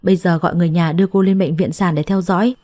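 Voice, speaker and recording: A woman voicing a brisk clinic doctor who speaks in a firm, matter-of-fact way in a told story. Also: on the low side, steady tone, a little mellow, no echo, studio quality, close to an everyday voice. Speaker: doctor figure.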